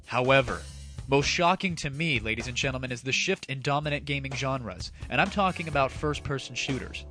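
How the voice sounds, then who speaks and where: With music under his voice, a gaming comedy show host performs a crude, sarcastic, scripted rant with theatrical mock grandeur. He sounds animated and brisk, with a medium pitch and a sharp tone.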